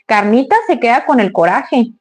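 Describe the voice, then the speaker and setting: A woman vlogging in a loose, chatty style, telling long stories and turning to speak to her viewers directly. Her voice sits a little higher than most women's. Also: expressive, moderate pace. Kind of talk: casual storytelling to the camera.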